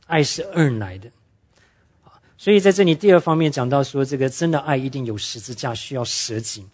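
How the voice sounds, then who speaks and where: A man preaching a sermon, telling stories earnestly and slowing down to stress his main points. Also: medium pitch, darkish tone, husky. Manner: earnest storytelling preacher, drops English words into speech; slows down and drops his voice to stress key points. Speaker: pastor.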